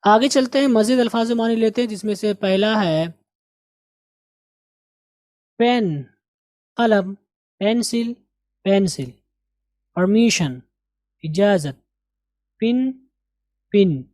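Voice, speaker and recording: A man teaching an English lesson, patiently repeating words and sentences slowly for pronunciation practice. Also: sits high, darkish tone, no room sound. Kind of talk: recorded language lesson.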